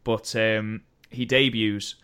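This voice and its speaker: A man co-hosting a podcast, chatting casually about wrestling in an animated, opinionated way that slides into rants. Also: fairly low pitch, slow, clean tone. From United Kingdom. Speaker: podcast co-host.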